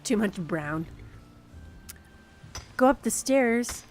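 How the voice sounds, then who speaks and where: A woman's voice: a little high, lively intonation, extremely slow, soft background music. A woman streamer casually chatting through a game, laughing and thinking aloud to her viewers. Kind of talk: casual gameplay commentary to chat.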